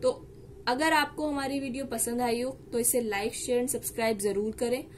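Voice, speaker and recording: A woman with a fairly high, fairly even voice teaches shorthand at a normal pace, walking through each step patiently and repeating the key terms. She mixes English words into her Hindi, and there's a slight hiss or hum in the recording.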